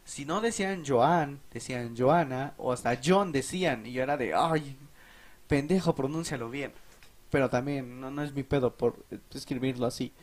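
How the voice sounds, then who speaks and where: A young man with a Mexican Spanish accent telling a casual, profanity-laced story about his school days for a podcast, animated and laughing. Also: mid-range voice, moderate pace, hardly any pauses.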